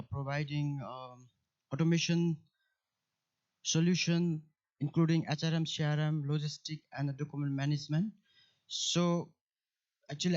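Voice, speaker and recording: A man introducing himself as an intern developer at a conference, halting with many pauses. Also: a little high. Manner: halting, many fillers and restarts. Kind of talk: hesitant self-introduction. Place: conference room. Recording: dull lo-fi livestream audio.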